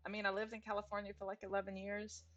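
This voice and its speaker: A woman's voice: medium pitch, monotone, rapid-fire, fairly bright tone, dull audio. A woman in her forties from Louisiana with a Cajun accent, rambling and self-interrupting as she writes and talks on a casual livestream. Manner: chatty, rambling, self-interrupting, laughs easily. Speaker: author and livestreamer. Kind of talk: casual think-aloud livestream. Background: faint music and keyboard typing.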